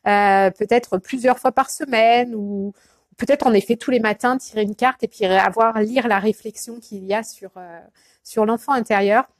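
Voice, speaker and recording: A woman's voice: fairly high pitch, steady tone, normal speed, no room sound. A woman coach chatting casually in a live video, hesitant and full of fillers and restarts, greeting viewers by name. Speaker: life coach.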